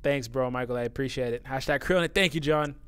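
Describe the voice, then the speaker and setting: A mid-range, slightly bright voice with clear resonance moves at a quick pace as a man reads viewer comments on his YouTube channel. Casual and blunt, he swears often and gets heated, and he says he sounds young.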